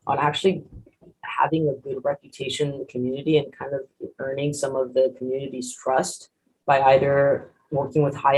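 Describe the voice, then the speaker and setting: A man's voice: medium pitch, darkish tone, husky, poor audio. A man in his thirties, a prosecutor who grew up in Mexico and speaks Spanish as his first language, telling his story in an earnest, conversational way with frequent restarts. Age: 30s. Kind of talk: panel talk, personal story.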